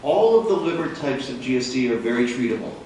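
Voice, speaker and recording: Very slow, deliberate male lecturer. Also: medium pitch, expressive, darkish tone. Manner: measured, deliberate, pausing between phrases. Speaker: visiting physician lecturer. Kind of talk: formal lecture in short phrases for interpretation. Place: large echoing room at a talk. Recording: very echoey room, distant mic, faint noise.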